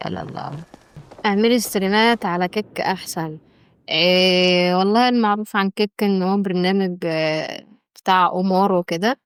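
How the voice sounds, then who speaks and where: A woman's voice: mid-range voice, slight background noise. A woman with an Egyptian accent giving casual let's-play commentary, chatty and exclaiming, bantering with game characters. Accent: Egyptian Arabic. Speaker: gaming YouTuber.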